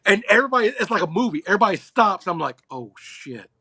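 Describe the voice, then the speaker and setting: A middle-aged man on a sports podcast roundtable, telling animated, profane stories in casual banter. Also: sits high, very fast, breathy edge, no room sound. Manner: animated storyteller, swears freely. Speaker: roundtable panelist.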